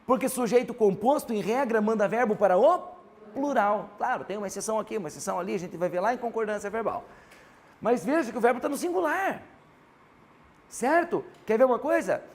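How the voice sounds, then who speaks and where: A man with a Brazilian Portuguese accent teaching a grammar class, animated and constantly prompting his students to answer. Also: sits high.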